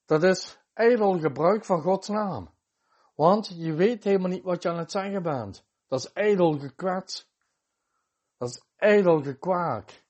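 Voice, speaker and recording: A man's voice: high voice, a little mellow. A man preaching a sermon, quoting scripture with chapter and verse in an emphatic manner.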